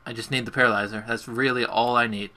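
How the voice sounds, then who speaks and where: A young man with a very bright, forward voice chats through a live gaming session from his bedroom. He is casual and self-deprecating, talking to his viewers while he plays. Keys clack faintly in the background. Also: mid-range voice, steady tone, fast talker. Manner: chatty, self-deprecating, talks to chat while playing. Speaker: gaming livestreamer. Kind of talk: casual live gameplay commentary. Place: bedroom at home.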